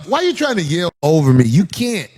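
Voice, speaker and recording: A man hosting a casual comedic panel talk, animated and profane, slipping into put-on shouts. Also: high voice, moderate pace, a little hiss or hum. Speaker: host.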